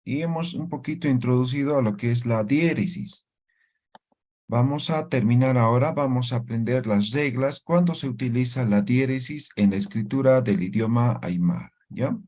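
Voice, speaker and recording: A man's voice: mid-range voice, moderate pace, a little mellow. A man teaching a language lesson, explaining rules step by step and checking in with his listeners through frequent short tag questions.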